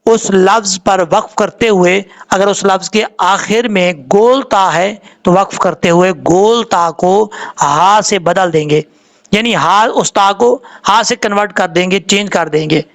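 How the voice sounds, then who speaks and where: A man teaching a tajweed lesson in Urdu with a Pakistani accent, spelling words out sound by sound and chanting the verses in long drawn-out notes. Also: high voice, a bit bright. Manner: slow letter-by-letter drilling, drawn-out chanted recitation.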